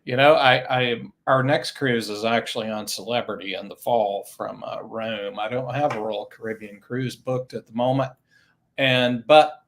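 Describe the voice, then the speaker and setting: A man's voice: mid-range voice, fairly even intonation, moderate pace, a bit bright. A man talking as a guest on a travel webcast, enthusiastic and repeating words as he starts sentences. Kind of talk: casual webcast chat.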